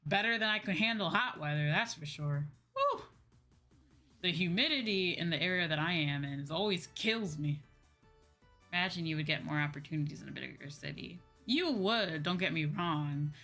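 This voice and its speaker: A VTuber livestreamer from the Midwestern US, she speaks with an American accent in a fairly low, animated, bright and forceful voice at a moderate pace. Music plays as she informally answers viewer comments, repeating phrases for emphasis.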